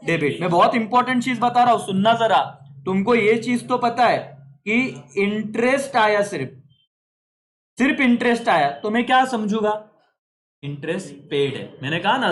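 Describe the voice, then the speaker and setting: A man with a high voice teaching accounts in a classroom lecture. He fires questions at his students and answers them himself. He draws out the key terms for emphasis. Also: fairly bright tone. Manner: call-and-response questioning, addresses students as "beta".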